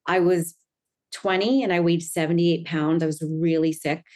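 A middle-aged American woman appears as a guest coach in a conversational interview, telling stories earnestly and fluently and often adding "right?" to check in. Her fairly low, darkish voice moves at normal speed with fairly even intonation.

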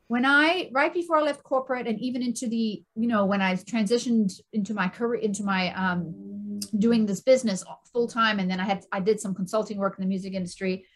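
A middle-aged woman, a stress and anxiety coach, talking as a guest in a casual interview, animated, often repeating words and asking "right?". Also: medium pitch, brisk.

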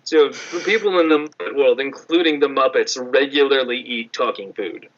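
A man's voice: medium pitch, normal speed, fairly bright tone. A man co-hosting a podcast in casual chat, wandering into tangents. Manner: rambling, tangent-prone. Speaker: podcast co-host. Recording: dull lo-fi sound.

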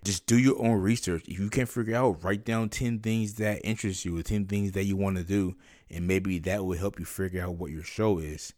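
Man, deep-pitched voice, podcast host, conversational teaching, direct one-to-one address, dry close recording. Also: fairly even intonation, moderate pace, darkish tone, no echo. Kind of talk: instructional solo podcast talk, conversational.

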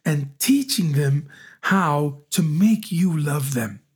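A man in his forties co-hosting a relationship podcast, talking in an animated, teasing way and often repeating his words as he starts a thought. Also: a little high, takes it slowly, breathy edge. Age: 40s. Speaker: podcast co-host. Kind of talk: casual chat.

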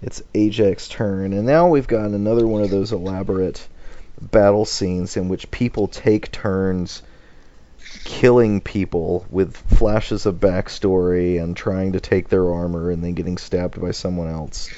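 A man in a casual book discussion, talking in a relaxed, hesitant way with many fillers and restarts. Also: low-pitched, a little slow, muffled recording. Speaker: podcast co-host discussing the Iliad.

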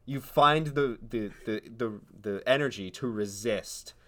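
A man's voice: medium pitch, unhurried, fairly bright tone, slight background noise. A man co-hosting a podcast in casual comedic chat, playful and teasing in the way he talks. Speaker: podcast co-host.

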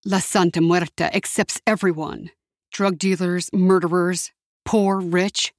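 A woman's voice: on the low side, fairly even intonation, a little slow, no echo, clean studio sound. A woman voicing a tough young man who survived a cartel, talking bluntly and coarsely.

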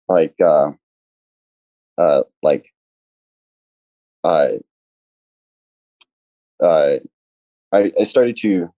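Deep-voiced young man, muffled and halting. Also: mellow, no echo. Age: young adult. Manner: earnest, halting, many "uh" and restarts. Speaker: podcast guest. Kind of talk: casual podcast conversation.

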